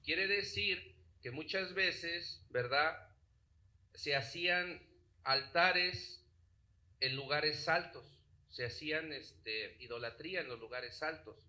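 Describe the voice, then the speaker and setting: A man's voice: mid-range voice, bright, forceful tone, poor audio. A man preaching a sermon who keeps asking his congregation questions and checking that they follow along. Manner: asks the congregation rhetorical questions.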